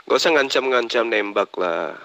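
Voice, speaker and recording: A man with a bright, forceful voice cross-examines his opponent in a heated religious debate, sarcastic and insistent. The sound is close and dry, with no room around it. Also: mid-range voice, expressive, normal speed, no echo. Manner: challenging, pressing questions, sarcastic. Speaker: Islamic preacher debater.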